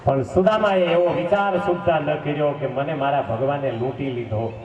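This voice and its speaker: Fervent preacher in an echoey hall. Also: male voice, a little high, moderate pace, darkish tone, a little hiss or hum. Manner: fervent, storytelling with asides to the audience. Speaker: religious storyteller. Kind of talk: devotional scripture discourse. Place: temple hall at a festival. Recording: echoey hall, distant mic, dull sound, faint music.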